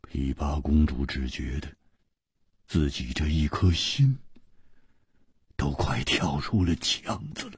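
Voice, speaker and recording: A man narrating a serial story in a dramatic, expressive delivery. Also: a bass voice, takes it slowly, pauses often, husky. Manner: expressive, wide-ranging delivery.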